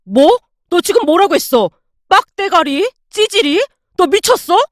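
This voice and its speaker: A coolly condescending young husband in a dramatized story, put on by a woman narrator. He talks down with smug patience and turns to loud insults. The voice sits high and swings widely, with a close, dry sound. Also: fairly quick, no echo. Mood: yelling. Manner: calm and patronizing, then shouting insults.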